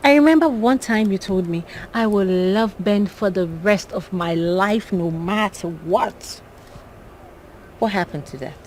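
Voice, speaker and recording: A woman's voice: medium pitch, unhurried, darkish tone, a little hiss or hum, lightly acted. A woman playing a coaxing Nigerian friend. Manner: probing, coaxing.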